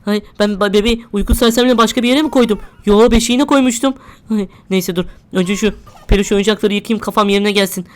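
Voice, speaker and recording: A woman's voice: medium pitch, fairly even intonation, quick pace. A woman playing a horror game, talking to herself as she goes, jumpy and easily frightened. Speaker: gamer. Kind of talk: horror game let's play commentary.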